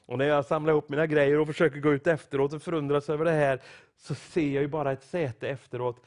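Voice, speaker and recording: A man from Sweden delivers a sermon to his congregation. He tells stories with acted-out quotes and lets his excitement build, and his pitch sits a little high for a man. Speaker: preacher.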